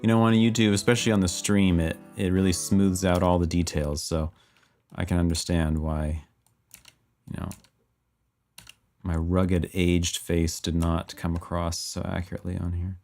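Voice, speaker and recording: A man in his thirties with a very deep, gravelly voice talks at a moderate pace while composing music on a livestream. Relaxed and laughing, he thinks aloud as he works and reads out viewer comments. Faint music plays behind him, along with keyboard typing.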